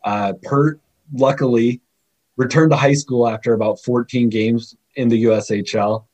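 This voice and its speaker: Husky man talking hockey scouting. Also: mid-range voice, normal speed, dull audio. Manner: animated, laughs often, chatty. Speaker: scouting guest. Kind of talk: podcast interview.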